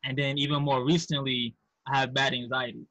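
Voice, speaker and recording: A man's voice: medium pitch, little pitch movement, brisk, bright, forceful tone, no echo, muffled recording. A man from Queens, New York with a Queens accent, talking candidly and casually as a podcast guest. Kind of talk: casual conversational interview.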